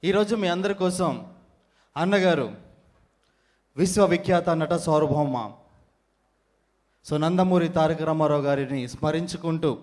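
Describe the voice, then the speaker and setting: A man's voice: on the high side, measured pace, long pauses, a little mellow. A man with a Telugu accent, a mimicry artist giving a formal, flowery announcement on stage at an awards event.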